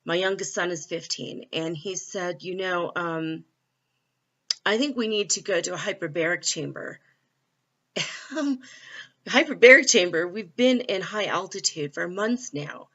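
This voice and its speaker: A middle-aged Californian vlogger talks casually and candidly into her laptop's built-in mic for a spiritual vlog, full of fillers and little laughs. Her voice is lowish, a little slow, and fairly bright, though the lo-fi mic makes it sound dull.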